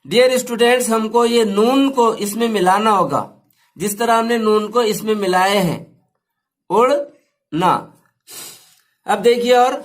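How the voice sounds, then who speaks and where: A man teaches a language lesson at a slow, careful pace. He stretches out each sound and repeats every word so his students can follow. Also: high voice, fairly bright tone.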